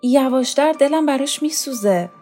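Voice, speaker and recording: A woman's voice: high voice, lively intonation, a little mellow, pitched above the performer's own voice. A woman reading a story, voicing an elegant young woman with a coaxing, lightly affected manner. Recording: faint music underneath.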